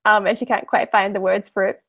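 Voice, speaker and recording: A woman playing a tabletop roleplaying game, narrating casually and haltingly as she thinks aloud. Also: medium pitch, fairly even intonation, creaky, a bit bright.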